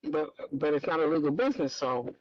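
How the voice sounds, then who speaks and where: Over a muffled remote connection that leaves only bass, a woman at a public meeting asks question after question and insists on specifics. She's animated and a little fast, with a darkish tone. No echo is heard.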